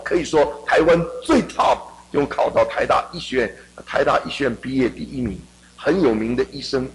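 A middle-aged man preaching a sermon, telling a personal story and swinging between hushed passages and emphatic ones. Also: medium pitch, a little hiss or hum, low-quality recording.

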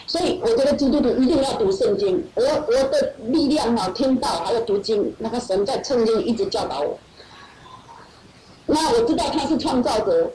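A middle-aged woman tells her faith testimony to a church gathering. She talks animatedly, laughs often and acts out the voices of other people. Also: a little high. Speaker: church member giving testimony. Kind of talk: personal testimony storytelling. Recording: echoey hall, far from mic, loud audience.

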